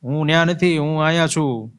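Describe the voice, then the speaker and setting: A man's voice: on the high side, a little fast, smooth, pitched above the performer's own voice, close to an everyday voice. A man voicing the soul of a newly dead man, pleading and calling out to mourners who cannot hear him. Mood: desperate shouting. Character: newly dead man's soul, shouting unheard.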